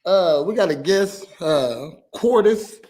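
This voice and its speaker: A man's voice: high voice, animated, takes it slowly, a little mellow. A man hosting a casual podcast, rambling with lots of fillers and restarts. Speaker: podcast host.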